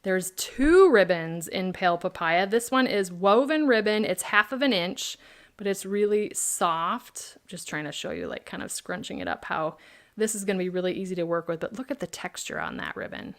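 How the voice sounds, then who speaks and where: A woman's voice: mid-range voice, sing-song, normal speed. Female craft demonstrator, casual livestream host, chatty and friendly with viewers. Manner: chatty, answers viewer questions by name. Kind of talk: live product demo chat.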